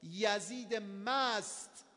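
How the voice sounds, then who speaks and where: Impassioned high-voiced male preacher. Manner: impassioned, swings between hushed and loud. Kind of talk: sermon. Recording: long hall reverb.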